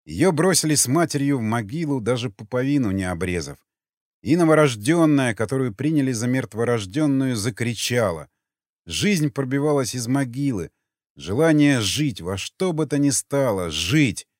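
A man narrating an audiobook in an expressive, dramatic way, close to the mic. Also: mid-range voice, normal speed, no echo. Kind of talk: scripted narration.

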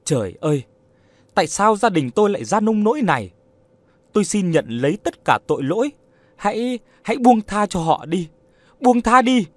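Storybook role: male narrator plays a broken old man, choked with sorrow, lively pitch. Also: normal speed, dry recording. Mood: anguished pleading. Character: grieving guilt-ridden old man.

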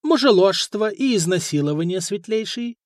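Slimy eager clerk played by a man, higher voice, sucking up. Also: very animated, normal speed, darkish tone, no room sound, clean studio sound. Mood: fawning. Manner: obsequious, eager. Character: thin fawning male court clerk.

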